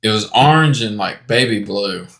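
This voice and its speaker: A man's voice: lowish voice, lively intonation, normal speed, background noise. A man in a casual podcast chat, dropping short, offhand remarks. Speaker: podcast co-host.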